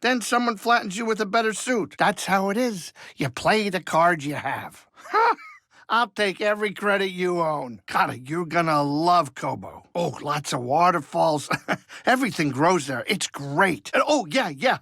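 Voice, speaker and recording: A man's voice: high voice, expressive, measured pace, bright, forceful tone, no echo, studio quality, heavily acted. A man voicing Greez's kind of video game figure, a grumbling but good-hearted alien pilot and saloon owner who banters in folksy wisecracks. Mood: wry, then chatty. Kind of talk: animated video game character dialogue.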